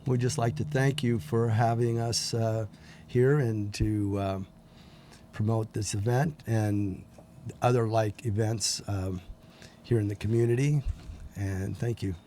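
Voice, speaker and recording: A middle-aged man as a guest on a TV interview, speaking haltingly with many pauses and fillers. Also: on the low side, steady tone, dark tone, a little hiss or hum. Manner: halting, many ums and uhs. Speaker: guest from a community organization.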